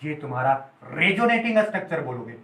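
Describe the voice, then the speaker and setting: A man teaching a chemistry lesson at a whiteboard. He keeps checking that students follow, explains with playful everyday stories, and slows down to dictate notes. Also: a little high, sing-song, bright, forceful tone, echoey room, low-quality recording.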